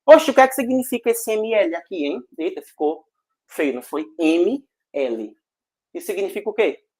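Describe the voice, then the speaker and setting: A man's voice: sits high, moderate pace. Slangy man teaching. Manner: energetic, slangy, jokey, checks in with students. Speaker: physics teacher. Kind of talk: informal online class.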